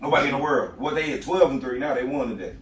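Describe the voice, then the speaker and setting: A man's voice: medium pitch, fast talker, highs cut off, a crowd in the background. A man in casual sports podcast chat, emphatic and argumentative, using slang. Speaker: podcast co-host. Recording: roomy, distant mic, faint noise.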